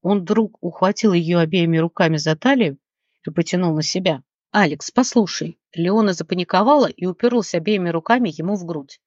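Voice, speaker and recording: Female audiobook narrator, measured fantasy reading; dull, dry recording. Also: on the low side, darkish tone, no room sound.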